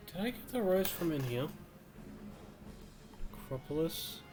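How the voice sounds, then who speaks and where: A man streaming a video game, slowly musing aloud to himself in casual commentary. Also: fairly high pitch, sing-song, music in the background. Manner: slow, musing, mutters to himself.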